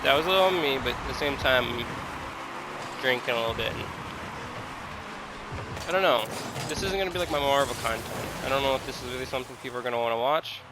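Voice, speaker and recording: A man's voice: medium pitch, fast talker, long pauses, noisy background. A man of twenty-one talking casually and candidly while gaming, hesitant and self-deprecating as he searches for words. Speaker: gaming content creator. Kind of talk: casual, confiding talk over gameplay.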